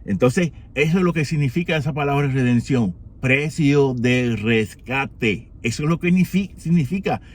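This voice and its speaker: A man from Puerto Rico offers an unhurried reflection for morning prayer, full of pauses and rhetorical questions, in a medium-pitched voice.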